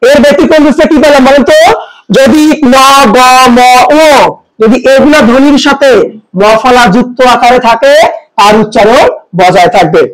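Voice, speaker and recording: Teacher, man, very high pitch, asks rhetorical questions, repeats rules slowly. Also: crowd noise, rough recording. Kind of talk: pronunciation lesson.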